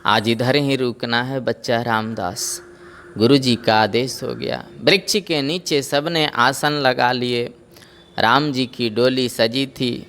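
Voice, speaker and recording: A man telling a devotional story as a sermon, animated and voicing the characters. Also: mid-range voice. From Bihar, India. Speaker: religious storyteller.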